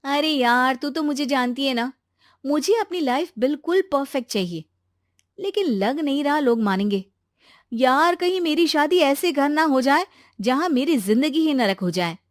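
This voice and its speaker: A woman's voice: high voice, expressive, normal speed, dry recording, clean studio sound, pitched above the performer's own voice. A woman voicing a carefree young college woman who chatters in a breezy, slangy way in a cartoon story.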